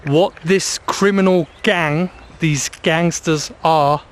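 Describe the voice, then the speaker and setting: A man hosting a spiritual vlog, speaking in slow, emphatic, commanding declarations, recorded outdoors in the countryside. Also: fairly high pitch, steady tone. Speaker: channel host.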